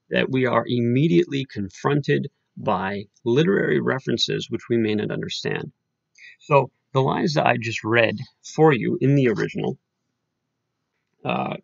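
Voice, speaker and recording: A man lectures on an old poem in a rough, gravelly, husky voice. He explains step by step and keeps checking in with "right?". The recording is dry and a bit dull. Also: mid-range voice, no room sound. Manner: explanatory, frequent "right?" tags. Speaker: literature teacher. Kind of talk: lecture with read-aloud verse.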